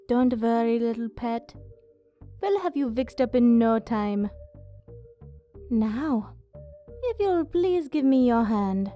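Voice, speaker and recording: Woman playing Witch Mercy, high-pitched soothing witch healer. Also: dark tone. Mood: reassuring. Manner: soothing, careful, formal medical phrasing. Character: witch healer, doting, clinical, gently possessive of her little monsters. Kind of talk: ASMR roleplay, soft scripted character acting. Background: music.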